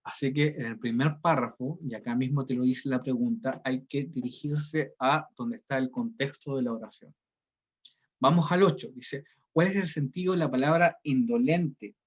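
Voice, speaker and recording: A man's voice: mid-range voice, moderate pace, slightly rough. A male teacher, giving an online reading class and explaining each step, often checking in with the students. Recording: dull lo-fi sound.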